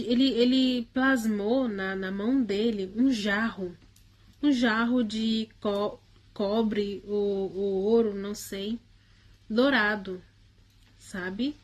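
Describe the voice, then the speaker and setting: A woman casually recounting a personal spiritual experience in the first person. She speaks hesitantly, with frequent tag questions and restarts. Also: medium pitch.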